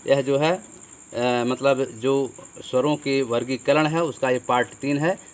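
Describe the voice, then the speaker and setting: This Hindi grammar lesson comes from a man with a mid-range, steady voice who talks a little slowly. His explanations are step-by-step, with self-answered rhetorical questions and frequent repetitions of "ठीक है."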